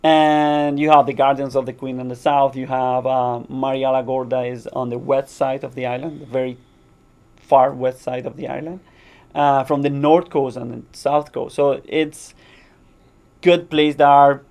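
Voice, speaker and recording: A man with a Cuban accent and Spanish as his first language answers as a guest expert. His voice is medium-pitched with heavy creak. His English comes haltingly, with non-native phrasing. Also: little pitch movement, a little mellow. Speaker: guest shark researcher.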